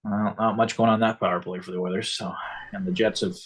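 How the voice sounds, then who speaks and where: Low-ish male voice, laid-back fan co-host, reads chat aloud, from Canada. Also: quick pace, breathy edge. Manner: relaxed, chatty, reads out viewer comments. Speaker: co-host of a fan game-watch stream. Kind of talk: casual live game chat.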